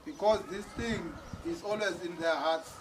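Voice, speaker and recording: A man with a notably high voice interprets a testimony phrase by phrase, now and then stalling and repeating himself. He is recorded from a distance. Clear background noise runs under his voice. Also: normal speed. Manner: hesitant, repeats words. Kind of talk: church interpreting.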